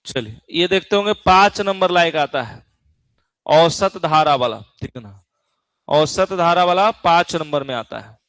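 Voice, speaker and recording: A man's voice: a little high, animated, a little slow, fairly bright tone, no room sound. A male physics teacher, lecturing a class in a chatty way, teasing students and often checking that they follow. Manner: keeps asking the class "theek hai na?".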